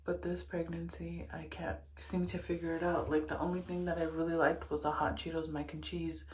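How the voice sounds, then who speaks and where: A woman's voice: low voice, little pitch movement, fairly quick, darkish tone. A young woman, short of breath, chatting casually to camera in a rambling way, full of fillers and restarts. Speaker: vlogger. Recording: echoey room.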